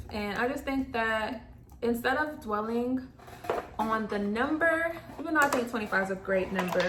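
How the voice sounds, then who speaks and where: A chatty woman in her twenties with a somewhat high voice talks casually, her sentences full of fillers and restarts. The sound bounces around an echoey room, with a faint hiss underneath. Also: fairly bright tone. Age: 20s. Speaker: makeup vlogger. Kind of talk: casual chat.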